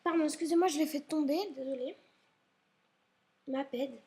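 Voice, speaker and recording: High-pitched girl rambling about her stuff at home, keeps saying sorry, kinda stuffy. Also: normal speed, warm tone. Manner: chatty and rambling, often apologizing. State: slightly ill, maybe stuffy nose. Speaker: vlogger. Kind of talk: casual chat showing school supplies. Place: at home, indoors.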